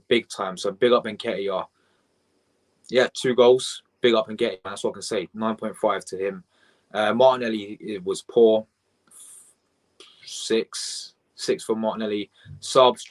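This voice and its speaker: A young man, rambling excitably as he reacts live to a match and chats with viewers. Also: on the low side. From England. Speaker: fan channel host.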